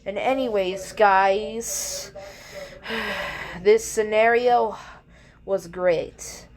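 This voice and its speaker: A woman hosts her own video, giving a casual intro and commentary to viewers in a rambling, hesitant way and often correcting herself. Her mid-range voice is steady in tone, and she speaks very slowly.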